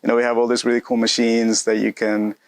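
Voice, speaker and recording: A man's voice: medium pitch, monotone, quick pace, no echo. Man, 30s, from Ecuador, casual interview, friendly, many ums, dry recording. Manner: friendly, frequent fillers and restarts. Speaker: postdoctoral researcher, interviewee.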